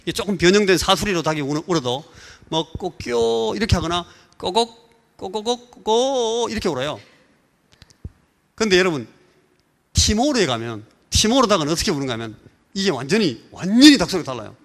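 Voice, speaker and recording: A Korean man preaching as pastor, telling an animated story and mimicking rooster crows and voices. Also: fairly high pitch, brisk, long pauses. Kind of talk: sermon. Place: church sanctuary. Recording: church hall reverb.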